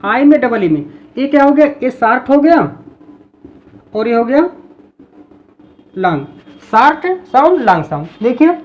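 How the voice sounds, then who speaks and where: High-voiced woman teaching, dull recording. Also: animated. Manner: repeats example words slowly to drill them. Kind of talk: classroom-style explanation.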